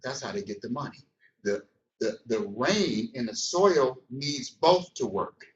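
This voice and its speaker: Unhurried and mid-range in pitch, this male speaker gives a motivational talk on business, spinning casual stories and playing out each scene with animation. He sounds far from the mic in a reverberant room, and the sound is muffled.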